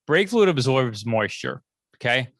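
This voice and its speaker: A man's voice: medium pitch, big pitch swings, unhurried, fairly bright tone, no room sound. A middle-aged man chats casually on a podcast, his voice recorded close and dry with no room around it. He rambles loosely, circling back and restarting his sentences as he goes. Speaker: podcast co-host.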